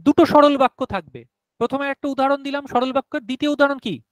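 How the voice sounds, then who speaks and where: A man's voice: very high-pitched, steady tone, fast talker, dry recording, poor audio. A male teacher giving a grammar lesson to a class, explaining step by step and often asking whether everyone has understood.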